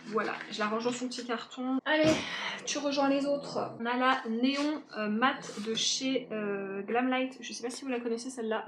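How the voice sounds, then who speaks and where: Woman beauty vlogger, fairly high voice, chatty and self-mocking, faint background noise. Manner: chatty, self-mocking, talks to viewers directly. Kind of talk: casual makeup declutter chat.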